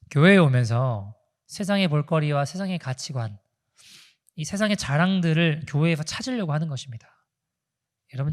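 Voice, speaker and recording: A male pastor preaching a sermon, asking the congregation questions and acting out quotes. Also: a little high. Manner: animated preaching with rhetorical questions and acted-out quotes. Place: church in Toronto.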